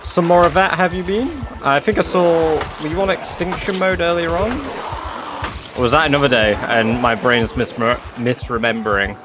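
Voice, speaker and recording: A man's voice: on the high side, steady tone, moderate pace, noisy background. A man livestreaming a game in casual, sweary chat, saying w for r. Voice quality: cannot pronounce R's, says w for r. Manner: informal, sweary.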